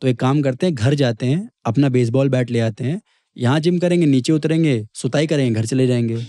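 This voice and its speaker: A man's voice: mid-range voice, a little fast, dry recording, studio quality. Young man telling a story. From Kanpur, India. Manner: lively storyteller who acts out quoted dialogue. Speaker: guest, MMA fighter. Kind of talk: casual storytelling chat.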